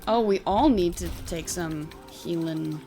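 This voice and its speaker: A woman's voice: on the low side, a little slow, mellow. A woman streaming a video game, giving casual playthrough commentary. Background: faint game music.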